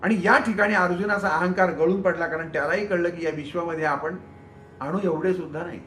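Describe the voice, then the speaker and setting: A male storyteller narrates a scripture tale with expressive, vivid delivery and turns often to address his viewers. His voice sits high for a man. The room is echoey, with a faint ambient hum underneath. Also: a little fast. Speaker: spiritual storyteller and show host.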